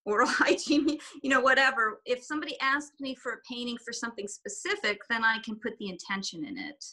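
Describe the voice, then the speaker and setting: Speaking as a guest on a video call, a woman who grew up with German and Swiss German talks in a relaxed, slightly rambling way, often starting over. Her pitch runs high, and she sounds expressive, fairly fast, pushed and bright.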